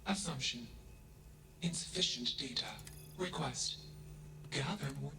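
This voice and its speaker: An actor voicing a flat, emotionless AI in a video game, speaking in clipped monotone statements that each start with a label word. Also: male voice, mid-range voice, a little slow, vocal fry, full character voice. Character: flat emotionless AI, a thinking machine.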